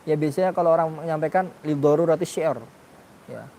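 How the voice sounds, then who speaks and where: A man's voice: on the high side, fairly even intonation, fairly quick, mellow, a little hiss or hum. A man teaching a class on Quranic pronunciation, questioning his students and sounding out letters for them. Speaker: tajwid teacher.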